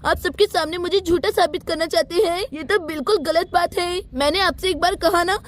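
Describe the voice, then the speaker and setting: A woman's voice: very high-pitched, moderate pace. A woman voicing a sulky young wife. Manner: hurt, sulky.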